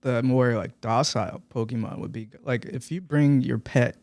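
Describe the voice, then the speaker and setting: A man's voice: mid-range voice, fairly even intonation, moderate pace, a little mellow, no room sound. A man guesting on a podcast, tossing in dry quips and laughing along in casual chat.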